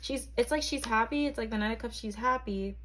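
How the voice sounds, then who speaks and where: A woman's voice: fairly high pitch, a little fast, a bit bright, a little hiss or hum. A young woman from Barbados, reading tarot cards to camera in a chatty, hesitant way full of ums and likes. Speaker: tarot reader.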